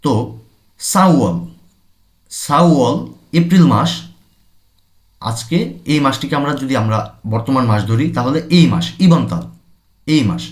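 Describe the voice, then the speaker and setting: A man from Bangladesh teaching a language class at an unhurried, deliberate pace. His pitch rises and falls a great deal as he stresses words. He repeats each term and then explains it. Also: lively intonation. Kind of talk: recorded language lesson. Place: language center classroom or studio.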